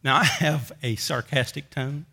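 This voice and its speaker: A pastor preaching a sermon in a conversational storytelling way, with light self-mocking humor and slow emphasis on key words. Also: male voice, mid-range voice, vocal fry, pushed and bright, husky.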